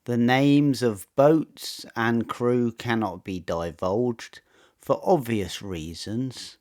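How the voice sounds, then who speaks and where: Male narrator, mid-pitched, crisp and unhurried; measured scripted storytelling. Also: darkish tone. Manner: slow, measured, matter-of-fact storytelling.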